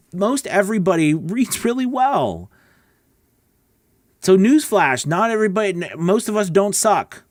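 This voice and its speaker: A middle-aged voice-over coach and channel host gives casual, frank advice to camera from a small home recording studio, speaking into a close broadcast microphone on a boom arm with no echo. His voice is on the high side. He's conversational and often checks in with "okay" and "you know what I mean".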